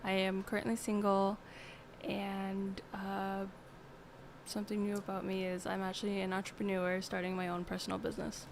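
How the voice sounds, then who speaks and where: A woman's voice: mid-range voice, monotone, normal speed. A young woman of about twenty talks as a guest on a podcast panel. Her voice sits in the middle range, and she chats casually with plenty of "like" and "um." A slight hiss is in the background. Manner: casual, chatty, uses "like" and "um".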